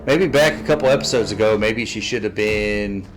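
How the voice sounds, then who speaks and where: Man, low voice, casual let's player, thinks out loud, some background noise. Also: normal speed. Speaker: video game let's player. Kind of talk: casual gameplay commentary with reading aloud.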